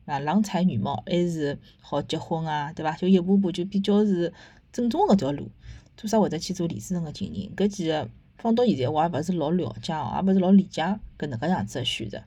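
A woman's voice: lowish voice, expressive, fast, mellow, slightly rough, no echo. A woman with a Shanghainese accent chatting casually as a host giving a review, opinionated and conversational. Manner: conversational, opinionated, with rhetorical tag questions. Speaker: host of a book and theatre review podcast. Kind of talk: casual chat, reviewing and retelling.

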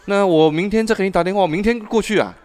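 Guy doing a buddy-buddy northeastern phone scammer, high and sing-song. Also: quick pace, darkish tone, clean tone, close to an everyday voice. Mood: chummy. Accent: Northeastern Chinese. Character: man phone scammer posing as old friend, northeastern accent.

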